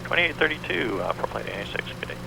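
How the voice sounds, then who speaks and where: A man working as co-pilot, making brisk clipped callouts and radio calls over a cockpit headset intercom in a small jet. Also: mid-range voice, very animated, gravelly. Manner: brisk clipped aviation phrasing. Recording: engine noise in cockpit.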